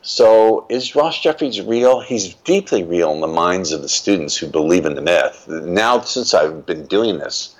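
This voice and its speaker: A man's voice: low-pitched, expressive, a little slow, few pauses. An older man, a guest in an interview, telling stories from his life in a reflective, emphatic way. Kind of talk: reflective storytelling.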